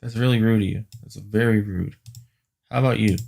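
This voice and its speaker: Gravelly guy muttering at his pc during a live class, reads ip numbers out loud. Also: on the low side, fairly even intonation, brisk. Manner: grumbles and mutters at the computer; reads out IP addresses while typing. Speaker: IT instructor. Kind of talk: live-streamed class, talking to himself.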